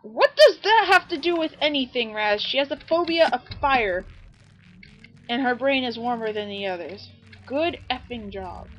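A young woman hosting a casual gameplay commentary, swearing often and exclaiming loudly at the game. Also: fairly high pitch, lively intonation, normal speed, lo-fi sound. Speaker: let's play host.

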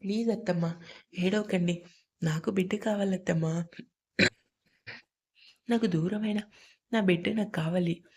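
A woman's voice: lowish voice, fairly even intonation, a little slow, long pauses, mellow, breathy edge. A woman voicing a hurt, grieving young wife in an audio story, speaking tearfully.

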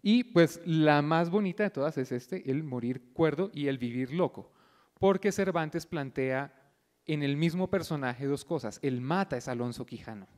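A man giving an explanatory lecture before a concert, often pausing to check his listeners follow him. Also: a little high, expressive, a little mellow. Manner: didactic, checks in often with a questioning "yes?"; thinks aloud with fillers and restarts. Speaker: lecturer at a pre-concert talk.

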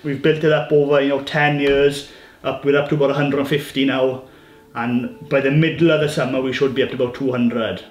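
A man in his thirties from Wales describes his beekeeping work in a casual interview, speaking a little fast in a mid-range voice. His manner is relaxed, with frequent word repetition. Scenes take place in a farm kitchen and at a woodland hive site.

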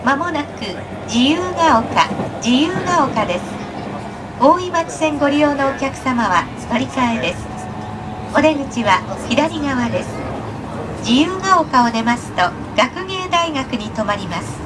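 A woman reading scripted train announcements in a formal, measured manner over onboard speakers. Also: expressive. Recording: distant, loud train noise. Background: loud train rumble.

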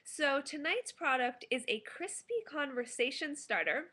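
A woman's voice: high voice, expressive, a little slow, sharp tone. A woman in her thirties giving a casual, enthusiastic food review to camera at home as a food blogger. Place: small living room at home, indoors.

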